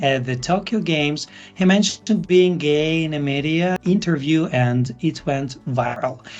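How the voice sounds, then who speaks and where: Higher-voiced male podcast host introducing. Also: darkish tone. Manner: formal, presenting. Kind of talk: scripted guest introduction.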